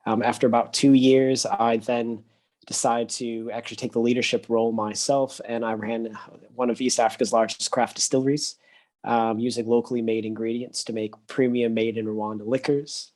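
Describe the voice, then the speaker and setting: American man, relaxed guest speaker. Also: mid-range voice, moderate pace. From United States. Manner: relaxed, steady, many ums. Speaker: guest consultant. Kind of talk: casual self-introduction.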